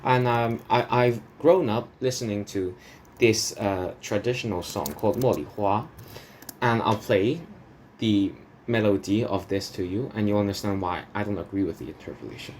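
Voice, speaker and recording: Speaking at a normal pace in a lowish, somewhat dark voice, a man from Hong Kong casually reviews opera recordings. His talk rambles, full of restarts and fillers, and he laughs between points. There's slight background noise.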